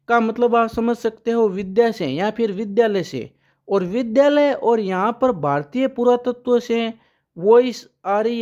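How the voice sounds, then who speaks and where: The recording is muffled, carrying a medium-pitched, darkish voice. It's a current affairs teacher delivering an exam-prep lesson with memory tricks, asking and answering questions aloud and repeating key names.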